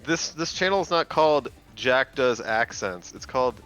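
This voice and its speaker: A young man co-hosting a casual stream, teasing with a deadpan, mock-serious manner. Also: mid-range voice, normal speed, lo-fi sound. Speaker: stream co-host. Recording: faint music in background.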